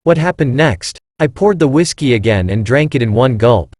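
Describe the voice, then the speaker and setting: Male storyteller with lively pitch. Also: moderate pace, no echo, clean studio sound. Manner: steady storytelling read. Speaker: narrator. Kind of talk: first-person story narration.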